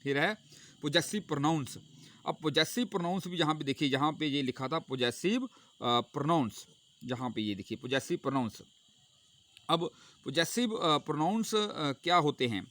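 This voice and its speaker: A man teaching English grammar in Hindi, asking questions and answering them himself, reading English example sentences slowly. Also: fairly high pitch, expressive, a bit bright. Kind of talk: explaining a grammar lesson.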